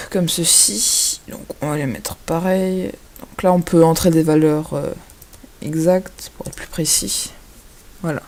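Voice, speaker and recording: A man giving a casual, hesitant software tutorial over a screen recording, filling his pauses with little interjections. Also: a little high, vocal fry. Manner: hesitant, chatty, fills pauses with "hop" and "voilà".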